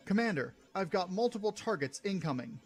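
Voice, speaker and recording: A man's voice: on the high side, normal speed, music in the background, natural voice. A man voicing a nervous young ensign in a narrated sci-fi story. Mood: alarmed.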